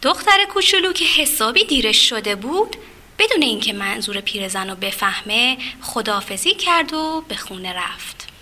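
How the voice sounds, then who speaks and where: Brief: woman storyteller for kids, expressive, high and bright voice. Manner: expressive, addresses children directly. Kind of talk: children's storybook reading.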